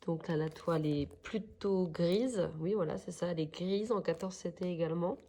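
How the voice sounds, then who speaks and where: A woman's voice: fairly low pitch, mellow. A woman with a French accent chatting casually as she unboxes craft kits, hesitant and full of fillers. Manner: slow and hesitant, many fillers. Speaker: crafts vlogger.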